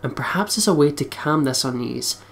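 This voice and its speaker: A let's play commentator with a medium-pitched, creaky voice reads a visual novel aloud at normal speed while game music plays behind him. His narration is expressive and story-like, interrupted by casual, sweary, joking remarks.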